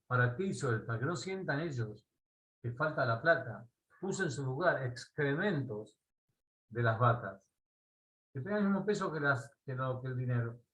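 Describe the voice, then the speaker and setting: A man with an Argentine accent teaching a Torah class. He tells a parable in a lively way and often checks in with his listeners. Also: medium pitch, moderate pace, rough recording. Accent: Argentine Spanish. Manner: animated storyteller, asks listeners "¿sí?" often.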